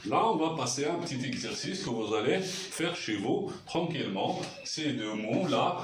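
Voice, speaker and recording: A man's voice: medium pitch, lively intonation, moderate pace. A man teaching a language lesson at a board, patiently repeating sounds and checking that everyone follows. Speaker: Arabic teacher. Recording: roomy echo, mic far off, faint noise.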